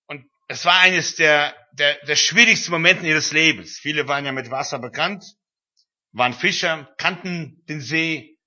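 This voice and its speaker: A man's voice: on the high side, pushed and bright. A man preaching a sermon, retelling a scripture passage in a conversational way with frequent fillers. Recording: dull, lo-fi recording.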